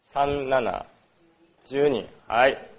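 Heard through a muffled recording, an Osaka pastor with a mid-range voice draws out his words during a sermon on worship. He speaks conversationally, with many fillers and questions directed at the congregation.

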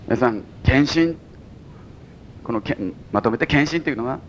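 A man with a Mikawa Japanese accent preaching a sermon as pastor to a congregation, with sudden high exclamations and chuckles. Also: expressive, moderate pace, muffled recording, a little hiss or hum. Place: church service before a congregation.

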